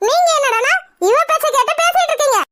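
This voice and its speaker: A woman voicing a quick-tempered, possessive middle-aged mother in a cartoon, shouting and scolding. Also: very high-pitched, no room sound. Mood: indignant. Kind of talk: cartoon voice acting.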